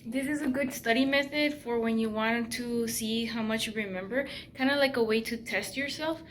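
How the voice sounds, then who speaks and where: A woman's voice: on the high side, moderate pace, slight background noise. A woman dental hygiene student chatting casually to her viewers in a vlog, talking straight to the camera about her week. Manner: chatty, addresses viewers directly.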